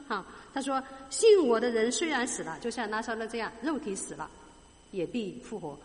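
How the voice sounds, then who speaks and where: A woman's voice: mid-range voice, in a large hall, a little hiss or hum. A woman preaching a sermon, explaining a scripture passage with rhetorical questions to her listeners and growing emphatic on key points. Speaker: Bible teacher.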